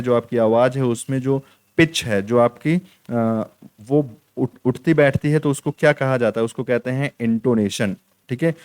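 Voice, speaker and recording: A young man at a middle pitch talks through exam questions for his students, repeating each key point and checking they follow. The sound is dry and close, with no room echo. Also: a little mellow, clean tone. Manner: repetitive, drills points with "theek hai". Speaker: teacher. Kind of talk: online exam-prep lesson.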